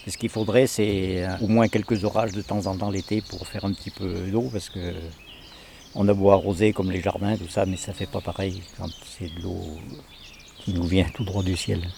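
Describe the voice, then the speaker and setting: A man speaking reflectively as a rural resident, trailing off softly. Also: deep voice, little pitch movement, normal speed, gravelly, slight background noise. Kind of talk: casual chat.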